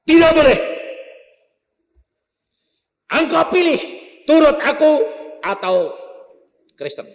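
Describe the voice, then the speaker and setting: A man voicing a stern male sorcerer teacher who threatens his pupil, in a loud, commanding voice. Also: on the low side, brisk, breathy edge, pitched below the performer's own voice. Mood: stern, threatening. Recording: long hall reverb.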